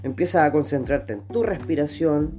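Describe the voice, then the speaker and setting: Chilean motivational speaker, mellow voice. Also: mid-range voice, normal speed, soft background music. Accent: Chilean Spanish. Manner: poses rhetorical questions and answers them, repeats phrases for emphasis. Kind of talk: motivational talk to the listener.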